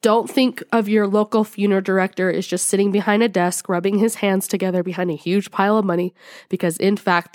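A woman podcast co-host with a slightly rough throat from being sick, reading an article aloud in a chatty, giggly way. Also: mid-range voice, darkish tone, no echo, studio quality. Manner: chatty, giggly, many "like" fillers.

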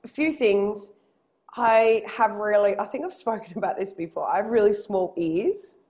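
A woman with an Australian accent, a personal trainer co-hosting a casual podcast chat, with a loud, strongly projected voice. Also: mid-range voice. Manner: lively and quick when excited.

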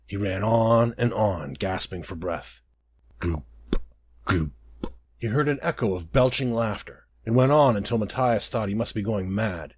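A man's voice: lowish voice, husky. A man narrating a scripted fantasy adventure story.

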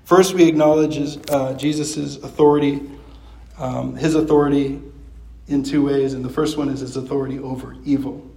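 A man's voice: medium pitch, fairly even intonation, normal speed, gravelly, dark tone. Echoey, conversational male pastor preaching. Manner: conversational, with frequent fillers and restarts. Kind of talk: sermon.

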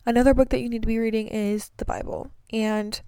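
A woman's voice: on the high side, flat delivery, a little fast, mellow, smooth, no echo, studio quality. A young woman chatting to camera about her life, earnest and sleepy, with many fillers. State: sleepy, yawning. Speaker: vlogger giving breakup advice. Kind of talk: casual chat to camera.

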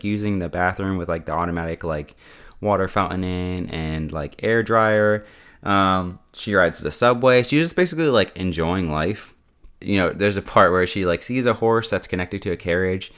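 A man's voice: low-pitched, a bit bright. A man casually recapping a TV episode, rambling with lots of "like", laughing as he goes and slipping into the voices of the characters he quotes. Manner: rambling, heavy use of "like", laughs while telling. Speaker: show reviewer.

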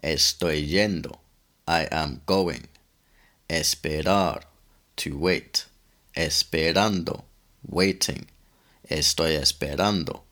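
Slow, deep-voiced man teaching English grammar. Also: sharp tone. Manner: slow, methodical, spells out letters one by one. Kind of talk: scripted grammar lesson.

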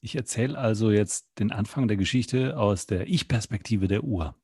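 A man's voice: fairly low pitch, normal speed, dark tone, slightly rough, dry recording, studio quality. A man improvising a story and explaining his thinking aloud between the story parts.

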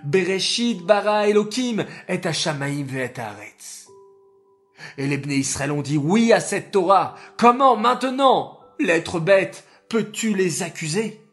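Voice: mid-range voice, animated, takes it slowly, a bit bright, faint music behind. A storyteller voicing a tearful biblical patriarch who pleads and protests on behalf of his people in a children's story. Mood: pleading, indignant. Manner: impassioned, pleading.

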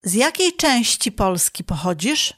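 A woman reading short phrases slowly and clearly for a language lesson. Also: mid-range voice, very animated, a bit bright, dry recording, studio quality. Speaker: phrase reader in the learner's language.

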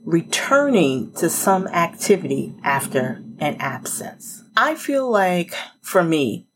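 A middle-aged woman hosting a solo motivational podcast, chatty and emphatic, talking straight to the listener. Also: deep voice. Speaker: podcast host.

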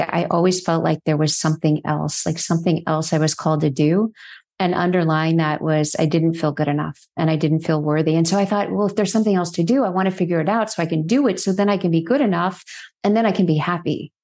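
A middle-aged woman, a physician and coach, speaks as a podcast guest in a mellow, warm voice that sits a little low. She tells her story earnestly and reflectively and asks herself rhetorical questions along the way. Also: fairly even intonation, brisk.

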